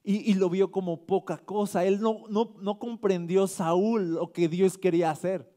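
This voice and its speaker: A man's voice: high voice, fairly even intonation, measured pace, dark tone. A male pastor giving a casual, conversational sermon. He reads scripture aloud and keeps checking in with the listeners.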